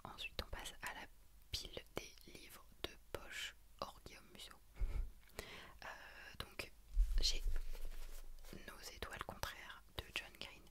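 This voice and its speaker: A young adult woman talks about books in a hushed, breathy library-style ASMR whisper, pausing hesitantly as she goes. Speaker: ASMR creator. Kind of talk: whispered ASMR book chat.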